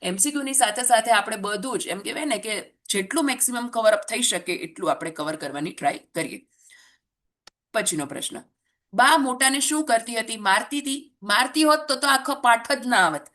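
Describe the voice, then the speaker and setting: A woman's voice: a little high, lively intonation, normal speed, fairly bright tone. Lady teacher doing revision, jokey, keeps asking "right?". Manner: chatty, jokey, asks rhetorical questions. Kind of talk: exam revision lesson.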